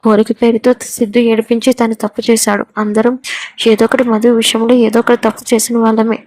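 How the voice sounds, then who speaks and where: A woman's voice: fairly high pitch, flat delivery, a little fast, darkish tone, dry recording, poor audio. A woman narrating a romance story, reading all the characters' lines in her own voice.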